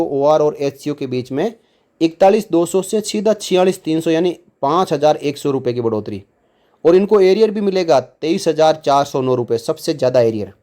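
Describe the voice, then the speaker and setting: A man's voice: on the high side, dark tone. A man explaining pension tables to viewers, reading figures off a table in an indignant tone. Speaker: news commentator.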